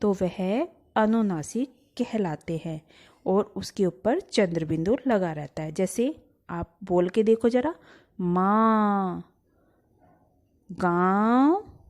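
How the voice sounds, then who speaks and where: A woman's voice: mid-range voice, expressive, slow, dark tone. A woman teacher giving a grammar lesson to children, patiently explaining and asking them to repeat the words aloud. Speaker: Hindi teacher.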